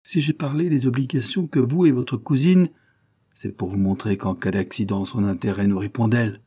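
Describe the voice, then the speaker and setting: A man's voice: medium pitch, moderate pace, slightly rough, close to an everyday voice. A man reading an audiobook, voicing a scheming, coldly polite marquis who sneers and presses his threats. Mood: menacing. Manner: sneering, insistent, rising to forceful outbursts.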